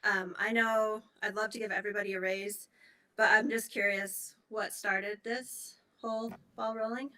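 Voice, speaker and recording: A woman's voice: mid-range voice, fairly even intonation, normal speed, sharp tone, low-quality recording. A woman council member asking questions in a meeting, inquisitive and a little apologetic. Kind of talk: council discussion.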